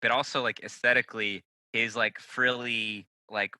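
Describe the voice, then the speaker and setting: A man's voice: medium pitch, little pitch movement, moderate pace, sharp tone, no echo, poor audio. A man co-hosting a casual podcast, rambling and swearing freely with lots of filler words. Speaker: podcast co-host.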